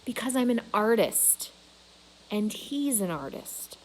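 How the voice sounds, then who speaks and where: A woman's voice: on the high side, very animated, slow, a little mellow, slight background noise, low-quality recording. A woman voicing an eager, insistent young girl in a storybook, speaking emphatically and pleading her case.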